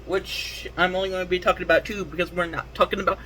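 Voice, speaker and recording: A man's voice: high voice, flat delivery, fast talker, sharp tone, a little hiss or hum, rough recording. A man hosting his own wrestling talk show, giving casual solo commentary in a rambling way, correcting himself and restarting his sentences. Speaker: wrestling podcast host.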